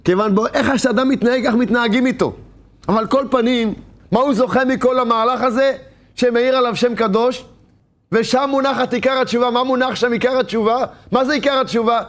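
High-voiced man teaching a Torah lesson. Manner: animated, rhetorical questions, bursts of raised voice. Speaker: religious teacher.

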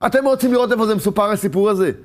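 Brief: high-pitched male religious teacher, animated Torah lesson, rhetorical questions, sudden louder bursts. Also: a little hiss or hum.

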